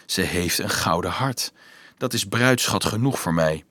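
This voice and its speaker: A man voicing a calm, self-assured young student in a storybook, speaking in a measured way. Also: low voice, no echo, pitched below the performer's own voice, heavily acted.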